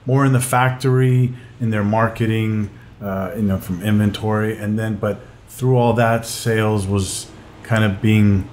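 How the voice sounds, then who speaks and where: A man's voice: on the low side, a little mellow, a little hiss or hum. A middle-aged man from Glendale, California, a sales coach speaking unhurriedly as a podcast guest, with many fillers and restarts. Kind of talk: casual interview.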